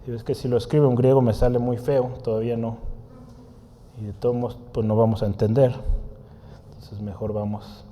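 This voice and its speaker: A man's voice: medium pitch, level tone, moderate pace, pauses often, warm tone, a little hiss or hum. A man giving a teaching sermon in a conversational way, asking the congregation questions and writing on a board as he explains. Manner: writes on a board while teaching. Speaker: preacher. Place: church hall. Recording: long church hall reverb.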